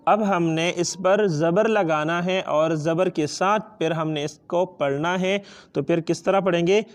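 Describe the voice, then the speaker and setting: A man with a Pakistani accent teaching Quran reading step by step, patiently asking and answering his own questions and stretching out letter sounds. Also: on the high side. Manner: switches between two languages. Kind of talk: step-by-step lesson.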